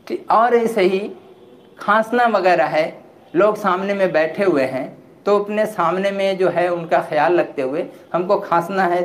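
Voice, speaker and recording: A man teaching at a religious gathering in a plain, conversational way after slow recitation. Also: sits high. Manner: recites Quran slowly, then explains in plain conversational tone. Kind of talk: religious instruction talk. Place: gathering hall. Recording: echoey room with faint ambient noise.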